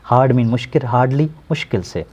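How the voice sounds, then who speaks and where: Male tutor, mellow tone, methodical word-by-word teaching. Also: medium pitch, animated. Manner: patient, repeats and glosses each word slowly. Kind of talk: explaining an English textbook lesson.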